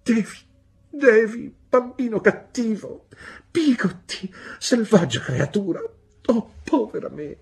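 Woman doing a high, shrill young mother, petulant and tearful, slightly husky. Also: sing-song, slow pace, a little mellow, full character voice. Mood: shrill hysterics. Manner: shrill, pleading, capricious.

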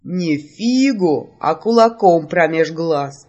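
A woman reading aloud and voicing a teasing, calm young male mage in a slow, lowered voice. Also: highs cut off, full character voice.

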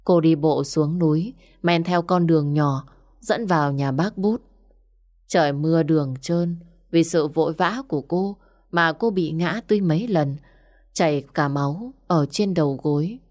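A woman narrating a story in a steady, measured way. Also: low-pitched.

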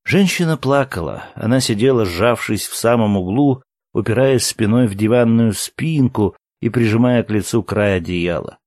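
A man narrating a novel as an audiobook, in an expressive storytelling manner. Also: on the low side, moderate pace, hardly any pauses, no echo, clean studio sound. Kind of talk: scripted narration.

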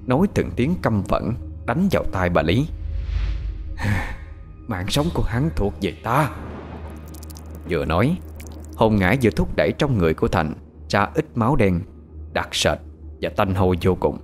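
A man narrating a ghost story in a measured, dramatic way. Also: low voice, sing-song, soft background music.

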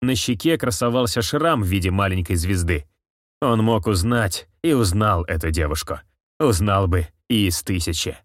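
A male narrator reads a fantasy story with steady, expressive delivery. His voice is low and grounded. The recording is dry and close, with no room sound. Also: moderate pace, dry recording. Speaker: audiobook narrator. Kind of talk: scripted fiction narration.

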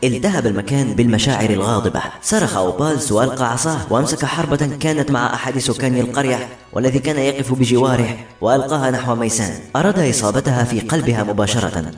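Brisk male audiobook narrator. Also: mid-range voice. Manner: brisk, dramatic storytelling. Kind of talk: scripted narration. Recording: roomy echo, faint music behind.

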